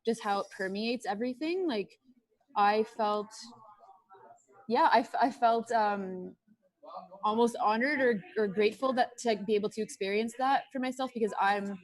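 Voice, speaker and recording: A woman's voice: fairly high pitch, normal speed, poor audio. A woman answering at a film festival Q&A over a video call, rambling with many fillers and restarts. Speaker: crew member on a short film.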